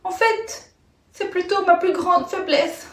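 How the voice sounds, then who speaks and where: Tiny, eager lady fly played by a woman for a toddler's storybook, very high, kindly and insistent, roomy echo. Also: slow. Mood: earnest, excitable. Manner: eager, reassuring, childlike insistence. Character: tiny, kind, earnest female tsetse fly. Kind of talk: children's animal tale, played for toddlers. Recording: roomy, echoey sound.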